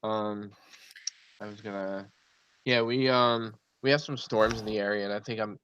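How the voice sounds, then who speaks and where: A man's voice: on the low side, fairly even intonation, moderate pace, fairly bright tone, slight background noise. A man hosting an online show over a video call, rambling with fillers while his volume jumps up and down on a choppy connection. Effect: uneven volume from a choppy call connection. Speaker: host. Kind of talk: casual online show chat. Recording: dull lo-fi call audio.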